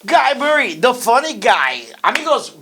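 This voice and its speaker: Animated, rambling man in his fifties. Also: very high voice, normal speed. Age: 50s. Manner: rambling, profane, mixes Spanish slang into talk. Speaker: podcast host. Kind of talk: casual comic storytelling.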